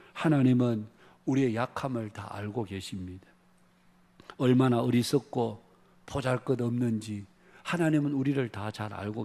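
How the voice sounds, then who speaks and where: A man's voice: medium pitch, creaky, mellow. A man pastor preaching a Sunday sermon in a church, earnest, with rising emphatic phrases. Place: church sanctuary.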